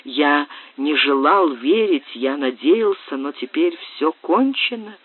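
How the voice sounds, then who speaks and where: A man's voice: fairly high pitch, expressive, takes it slowly, breathy edge, heavily acted. A man voicing an earnest, anguished young lord in a read-aloud story. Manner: earnest, questioning delivery. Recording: narrow phone-like audio.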